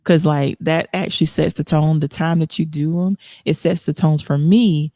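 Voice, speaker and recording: Gravelly, mellow-voiced woman host. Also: deep voice, steady tone, moderate pace, no echo, studio quality. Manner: earnest, emotional, rambling with restarts. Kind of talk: casual online talk show chat.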